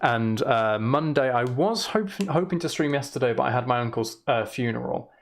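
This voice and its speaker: A young man with a gravelly edge chats and rambles cheerfully on a livestream. His voice rings back off the bare walls of an emptied room, caught by a desk microphone. He sits at a middling pitch. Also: animated, normal speed. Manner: chatty, rambling, self-deprecating. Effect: echoey sound of an emptied room. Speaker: streamer. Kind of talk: casual livestream chat. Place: emptied room in a house, indoors. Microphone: desk microphone on a shelf.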